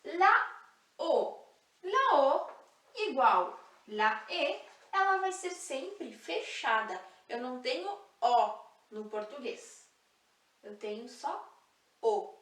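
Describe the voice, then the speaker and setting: Woman teacher, high voice, slow careful talk, lots of room echo, a bit far from the mic. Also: lively intonation, a bit bright. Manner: slow, clear, spells out sounds and repeats example words. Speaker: Spanish teacher. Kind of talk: online language lesson.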